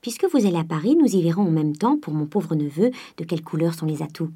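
Lady putting on a crafty old stuttering miser guy, low and warm. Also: expressive, husky. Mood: conspiratorial. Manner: halting, stammering. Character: miserly old male winegrower, sly, feigns stammering.

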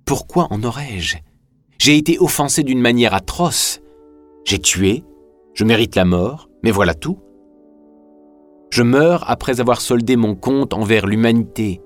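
A man's voice: mid-range voice, expressive, unhurried, long pauses, faint music behind, close to an everyday voice. A man voicing a proud, bitter young prisoner who speaks scornfully.

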